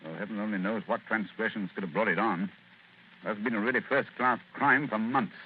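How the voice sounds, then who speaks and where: A man's voice: on the low side, brisk, close to an everyday voice. A man playing Sherlock Holmes as a gloomy, clipped and sardonic detective in a 1940s radio drama. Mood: grumbling. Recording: tinny old radio broadcast with faint hiss.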